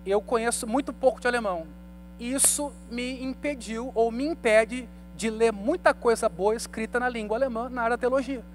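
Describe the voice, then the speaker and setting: A man's voice: very high voice, normal speed, slight background noise. A man in his thirties, a pastor giving a conversational Bible study sermon and asking the congregation rhetorical questions. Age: 30s.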